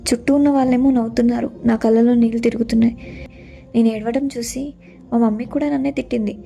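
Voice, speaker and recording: Young woman narrating her own sad story, earnest, kinda high but flat and mellow. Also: fast talker, vocal fry, soft background music. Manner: earnest, sorrowful recounting. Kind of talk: first-person story narration.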